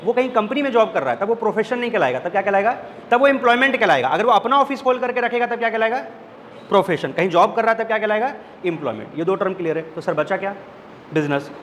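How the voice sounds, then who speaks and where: A male teacher with a high, fairly bright voice lectures his class, mixing Hindi with English terms and answering the questions he asks. The recording has long reverb and faint background noise.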